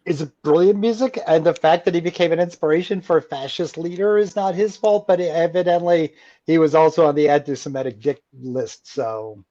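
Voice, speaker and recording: A man's voice: a little high, normal speed, no echo, lo-fi sound. A man who is a guest author in a radio interview, talking animatedly and acting out the voices of people he quotes. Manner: animated, acts out quoted voices while telling stories.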